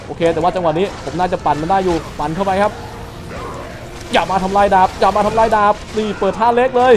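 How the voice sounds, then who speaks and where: A young man giving excitable let's play commentary, trash-talking enemies with frequent exclamations. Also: sits high, fast talker, noisy background. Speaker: gaming channel host. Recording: loud game music behind voice.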